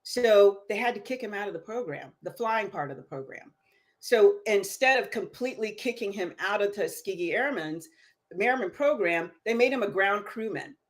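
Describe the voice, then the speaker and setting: A middle-aged woman, a guest on an interview show, telling stories with a lively voice that rises as she gets excited. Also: medium pitch, moderate pace. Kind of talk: storytelling interview.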